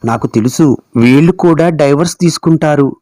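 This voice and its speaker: A man's voice: fairly high pitch, moderate pace, warm tone, dry recording, close to an everyday voice. A man voicing a young schoolboy grandson who talks in a sobbing, pleading way. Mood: upset. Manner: sobbing, pleading child talk.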